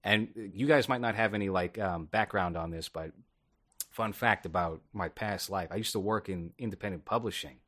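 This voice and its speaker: Deep-voiced man rambling casually. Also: moderate pace, fairly bright tone. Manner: rambling, opinionated, with fillers. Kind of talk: casual chat.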